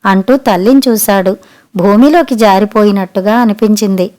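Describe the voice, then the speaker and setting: A woman narrating a family story for an audiobook in a steady, expressive storytelling read. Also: medium pitch, normal speed.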